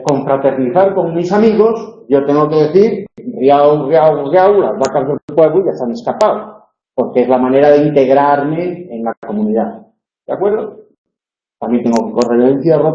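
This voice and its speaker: A male university tutor lectures in a mellow, dark voice that sits fairly high. He explains step by step and keeps checking that his listeners agree. The room echoes, and the recording sounds dull and lo-fi.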